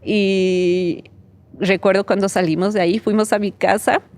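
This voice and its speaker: A woman's voice: mid-range voice, fairly even intonation, unhurried, a little mellow. Heartfelt woman sharing her testimony. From Bolivia. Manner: heartfelt storytelling, acts out the words of others; emotional, with nervous laughs between phrases. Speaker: guest. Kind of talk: personal faith testimony in a podcast interview.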